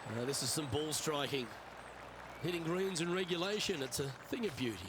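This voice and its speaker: A man giving golf commentary as lead announcer, in understated, measured remarks on play. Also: on the high side, a crowd in the background, noisy background.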